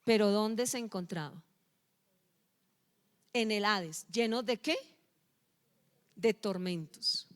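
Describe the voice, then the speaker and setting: A woman's voice: medium pitch, takes it slowly, long pauses. A middle-aged woman pastor, preaching a sermon and firing questions at the congregation, scolding them at times. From Colombia.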